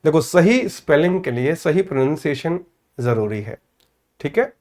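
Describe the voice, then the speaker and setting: Man, Indian accent, high voice, English teacher, online class, slow English examples. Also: very animated, a little mellow. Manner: addresses students by name, asks "clear?" often; mixes Hindi with slow, spelled-out English.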